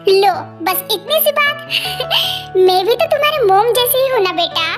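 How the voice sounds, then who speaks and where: A woman's voice: very high-pitched, animated, moderate pace. A woman doing a soothing, motherly aunt. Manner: soothing, calls others "beta". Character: warm motherly older woman, gently teasing. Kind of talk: fan voice-dub story. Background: loud music.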